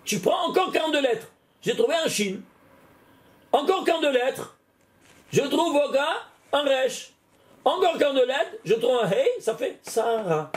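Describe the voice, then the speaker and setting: A man, a rabbi, giving an animated Torah lesson, often exclaiming and putting questions straight to the listener. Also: extremely high pitch, normal speed. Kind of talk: lively spoken Torah lesson.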